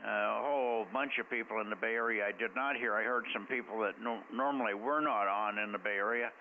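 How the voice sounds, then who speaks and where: A man's voice: on the low side, fairly quick, phone-quality sound. An American man running an amateur radio net, chatting casually in a blunt, teasing way over two-way radio. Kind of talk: casual ham radio chat. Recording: thin ham radio signal with static.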